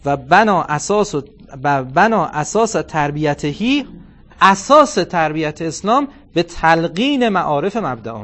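A man in his forties giving a religious lecture, animated and storytelling, acting out bits of dialogue and reciting Arabic quotations. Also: on the high side. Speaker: cleric lecturer.

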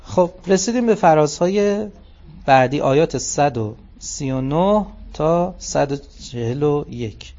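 A fairly high-voiced male lecturer reciting scripture and explaining it, on a dull lo-fi recording. He chants a line in Arabic, then restates it in relaxed everyday speech, and he keeps that rhythm going through the whole passage. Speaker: religious lecturer.

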